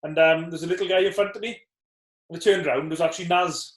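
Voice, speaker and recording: Man, ex-boxer co-host, thoughtful and reminiscing, slightly high voice, roomy echo. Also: steady tone, quick pace. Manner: thoughtful, recalls memories. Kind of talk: casual chat.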